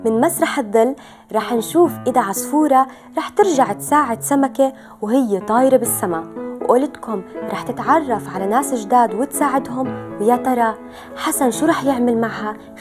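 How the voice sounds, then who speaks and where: A woman's voice: fairly high pitch, fairly quick, music in the background. A woman in her thirties with a Levantine Arabic accent presenting a scripted introduction to a children's show.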